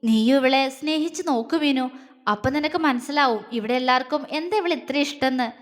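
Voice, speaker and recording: A woman's voice: high-pitched, a little fast, fairly bright tone, big-room sound. A woman voicing a tender loving young husband. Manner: tender and affectionate, mock stern.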